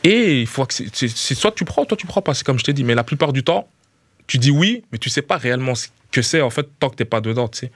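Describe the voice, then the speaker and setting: A thirty-something footballer from Belgium, with a Liège accent, speaks casually and quickly in a small radio studio, repeating himself as he looks for words and using a familiar "tu vois." His mid-range voice is animated, picked up by a studio mic with headphones and free of room sound.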